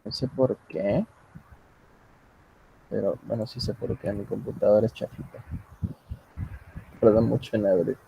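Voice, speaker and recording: A man's voice: fairly low pitch, fairly even intonation, measured pace, creaky, pauses often, husky, highs cut off. A man teaching English over a video call, patient and joking, switching between English and Spanish. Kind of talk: online class, bilingual teaching. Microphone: computer mic on a video call.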